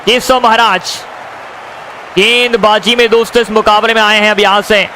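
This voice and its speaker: A man giving excited live cricket commentary, addressing viewers as friends and repeating stock phrases. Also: sits high, moderate pace, rough recording. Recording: crowd and noise behind the voice.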